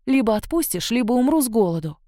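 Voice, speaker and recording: A woman narrator puts on a proud young captive girl in an audiobook. She shrieks her anger and throws insults with a mellow, dry voice pushed high. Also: big pitch swings, fast talker, no room sound. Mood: defiant. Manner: shouting insults, shrill.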